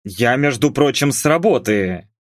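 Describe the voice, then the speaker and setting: A man's voice: medium pitch, animated, measured pace, no echo, studio quality, close to an everyday voice. A man doing a grumbling, stubborn father. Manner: mumbling and grumbling.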